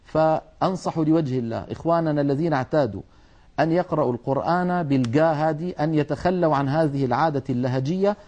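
A man teaching Quran recitation, explaining letter sounds earnestly and sometimes scolding, drawing out his demonstrations slowly. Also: a little high, a little mellow, highs cut off. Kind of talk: tajweed lesson.

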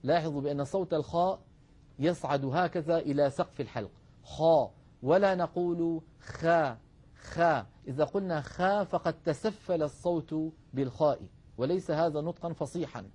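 A man with a somewhat high voice leads a phonetics lesson, talking students through slides. He speaks patiently and directly to his listeners. He pronounces each example syllable slowly and clearly so they can repeat it. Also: dark tone. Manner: models sounds aloud, drawing out syllables for the class; patient, addresses viewers directly. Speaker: Arabic phonetics teacher. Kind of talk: instructional lecture with slides.

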